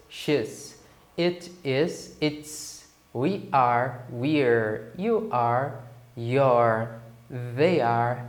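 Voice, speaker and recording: A man from the São Paulo interior with its accent, teaching a beginner English lesson and patiently repeating each word. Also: medium pitch. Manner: patient, drills words slowly and repeats them. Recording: echoey room.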